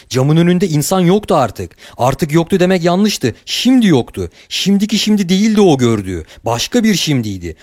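A man's voice: medium pitch, a little mellow, dry recording. Man narrating a story, dry close sound.

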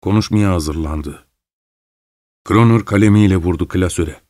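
A man narrating a story in a calm, measured reading voice. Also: deep voice, no echo, studio quality.

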